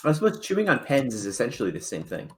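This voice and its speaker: A man's voice: mid-range voice, huge pitch swings, fast, slight background noise. A young man co-hosting a podcast in casual chat with friends, teasing and sarcastic. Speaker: podcast co-host.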